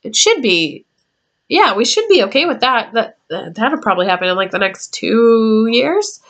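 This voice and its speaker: A YouTuber in her twenties talks casually to camera from her room at home in a chatty, meandering vlog, saying um often as she works through a list. Her voice is on the high side, very animated and fairly bright, at a normal speed. The recording is muffled.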